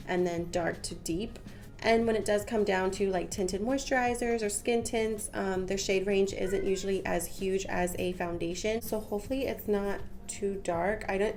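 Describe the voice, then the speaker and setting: This beauty vlogger is a young woman with a cold, her mid-range voice darkish and congested as she chats loosely through a makeup tutorial, peppered with "um" and "like." The recording carries a little hiss or hum. She's in a small room at home, patterned wallpaper behind, shot head and shoulders by a close camera.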